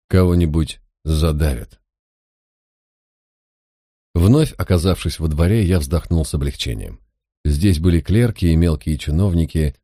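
Deep, dark-voiced male audiobook narrator. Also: dry recording, studio quality.

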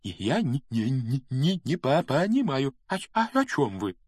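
A man's voice: medium pitch, very animated, a little slow, husky, no room sound, clean studio sound, voice pushed up. A man voicing a nervous male professor who stutters heavily through every word. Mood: terrified stammering. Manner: stammers heavily.

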